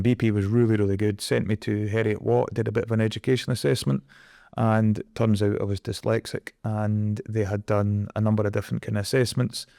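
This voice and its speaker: Gravelly Scottish man, earnest guest. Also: fairly low pitch, a little mellow, no room sound, studio quality. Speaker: guest, energy project director. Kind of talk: conversational interview.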